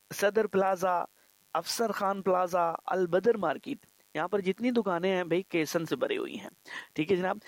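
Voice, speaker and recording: A man hosting a radio show in a relaxed, chatty way, pitching products and often tacking on a reassuring 'all right, sir'. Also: vocal fry, no room sound. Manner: chatty, keeps adding 'theek hai janaab'. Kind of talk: casual radio talk with product promotion.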